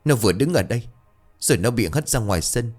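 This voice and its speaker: A man's voice: medium pitch, animated, fast talker, darkish tone, faint music behind, lightly acted. A man voicing a grieving, superstitious middle-aged mother who pleads and insists on what she saw, in a narrated ghost story. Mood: pleading.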